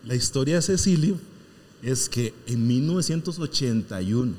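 Animated man telling a story in an echoey room. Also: medium pitch, moderate pace, a little hiss or hum. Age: 40s. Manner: animated, acts out quoted voices. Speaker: camp administrator. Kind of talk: casual storytelling chat. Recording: echoey room with long reverb.

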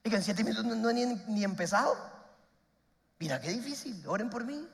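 High-voiced man preaching in a hall. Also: lively intonation, a little fast, vocal fry. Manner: emphatic preaching, repeats key points, swings between loud and soft. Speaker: pastor. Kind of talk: sermon.

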